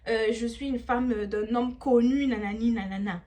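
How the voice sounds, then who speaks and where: An indignant young woman friend, fired up and accusing, lets out a string of quick reproaches, as a woman puts her on while telling a story. The voice sits a little high. It stays everyday rather than strongly acted. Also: background noise, lightly acted.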